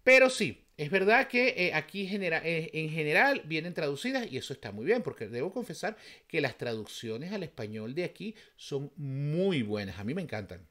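A man's voice: fairly high pitch, big pitch swings, moderate pace, hardly any pauses, bright, forceful tone. A man from Venezuela with a Venezuelan accent, giving casual, emphatic reaction commentary as a vlogger, full of rhetorical questions.

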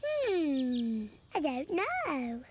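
A woman voicing a cheerful, bossy little girl piglet in a children's cartoon, talking in a bright sing-song way with lots of giggles. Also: sits high, huge pitch swings, drawn-out words, noisy background, exaggerated voice. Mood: playful. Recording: theme music behind the voice.

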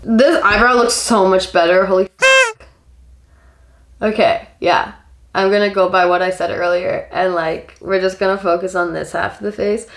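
A woman's voice: mid-range voice, fairly even intonation, normal speed. A giggly, drunk woman in her twenties rambling casually to camera while doing her makeup. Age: 20s. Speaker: makeup vlogger. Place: small home kitchen, indoors. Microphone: camera a step or two away. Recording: echoey room, camera mic.

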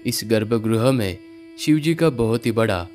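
A man giving a steady, informative voice-over as a travel vlogger, narrating a guided tour. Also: on the low side, a little slow. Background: clear guitar music.

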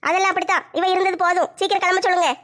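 A woman playing a sharp-tongued, bossy middle-aged mother in a comedy skit, scolding and giving orders. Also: extremely high pitch, flat delivery, racing. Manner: scolding, commanding.

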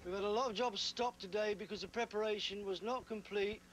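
A man's voice: sits high, fairly even intonation, fairly quick. A man as safety officer, stern and emphatic, briefing contractors in an indoor lounge meeting.

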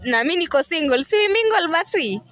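A woman's voice: high voice, sing-song, a little fast, a bit bright. A woman in her twenties with a Kenyan accent, talking into a handheld mic in an insistent, defiant way during an outdoor interview. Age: 20s. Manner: defiant, insistent, repeats herself. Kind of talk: emotional street interview.

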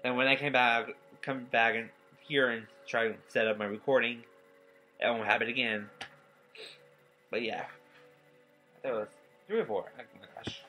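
A nineteen-year-old man giving a casual, rambling vlog update, tired and yawning, talking in halting stops and restarts. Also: medium pitch, fairly even intonation, sharp tone, soft background music, poor audio. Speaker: gaming YouTuber. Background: faint game soundtrack.

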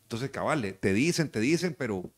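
Relaxed producer explaining. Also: male voice, mid-range voice, normal speed. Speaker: radio producer and announcer. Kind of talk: casual radio conversation.

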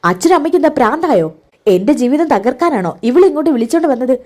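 A woman voicing a sharp-tongued young woman who coldly rejects her own child, snapping scornful retorts. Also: high-pitched, very animated, racing. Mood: angry.

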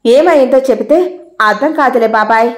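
A woman's voice: fairly high pitch, normal speed, natural voice. A woman voicing a grown son who speaks curtly and bluntly in a storybook reading. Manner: curt, blunt.

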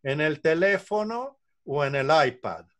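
A man's voice: fairly high pitch, big pitch swings, measured pace, a bit bright. An older man, a singing teacher, patiently explaining voice ranges in an online lesson from a room at home over a video call. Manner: patient, explanatory, illustrates with counting and examples.

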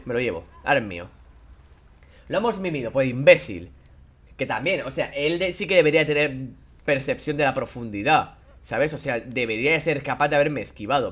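A man commentating a horror game playthrough, taunting and swearing at the characters in a playful, animated way. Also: medium pitch. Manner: animated, playful sound effects and singing. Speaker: gameplay commentator. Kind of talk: casual let's-play commentary.

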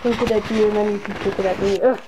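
A woman's voice: medium pitch, fairly even intonation, fast talker, very noisy. A woman vlogging at home, speaking through a costume head, chatty and giggly with her brother. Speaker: vlogger showing homemade costumes. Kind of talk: casual home video chat. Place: indoors at home. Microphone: camera set down nearby.

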